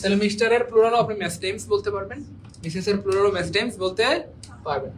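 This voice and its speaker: High-voiced joking male teacher. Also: quick pace, slight background noise. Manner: joking, quizzing students with repeated questions. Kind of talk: exam-prep grammar class.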